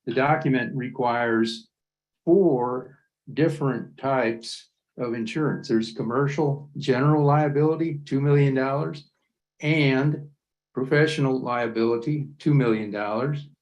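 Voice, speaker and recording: A man making a public comment at a county meeting, halting and repeating words as he builds his point. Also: mid-range voice, a little mellow, highs cut off.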